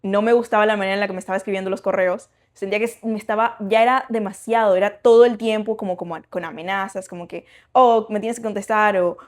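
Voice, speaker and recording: A woman's voice: mid-range voice, quick pace, hardly any pauses. Chatty woman podcast co-host. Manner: animated storytelling with frequent fillers and restarts. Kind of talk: casual chat.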